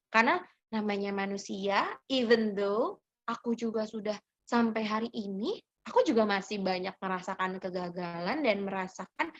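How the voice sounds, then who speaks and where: A young woman with a slightly high voice talks gently and reassuringly, like a motivational speaker answering listeners' questions. She slips English phrases into her talk and keeps a soft, encouraging tone. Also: muffled recording. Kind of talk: motivational sharing session.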